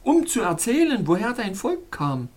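A woman's voice: mid-range voice, big pitch swings, normal speed, darkish tone, voice pushed up. A woman voicing an earnest, wise little male baron in a storybook reading, speaking solemnly and reassuringly.

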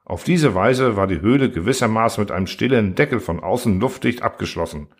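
A man's voice: lowish voice, lively intonation, brisk. A man reading a story aloud, narrating steadily and acting out each character. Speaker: audiobook reader.

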